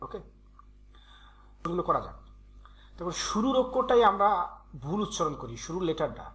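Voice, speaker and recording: Male tutor, high bright voice, patient letter-by-letter drilling. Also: big pitch swings, moderate pace. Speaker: English teacher. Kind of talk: Bengali-language grammar tutorial.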